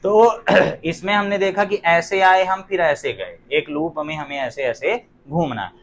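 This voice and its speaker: A young male teacher with a fairly high voice lectures a class and keeps quizzing his students as he works through a problem. A little faint noise sits behind him, and he jokes between the steps. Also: unhurried. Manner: quizzing students with frequent rhetorical questions; joking asides. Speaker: physics teacher.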